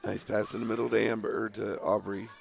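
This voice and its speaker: Low gravelly guy doing play by play, scratchy voice, reading scores and clock. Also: flat delivery, brisk. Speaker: play-by-play announcer. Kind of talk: local high school basketball play-by-play.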